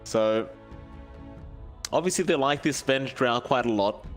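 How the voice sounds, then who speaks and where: A man's voice: medium pitch, a little slow, soft background music. Chatty man hosting an esports cast. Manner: chatty, leading questions to his co-caster. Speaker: esports caster and host. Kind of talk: casual play-by-play banter.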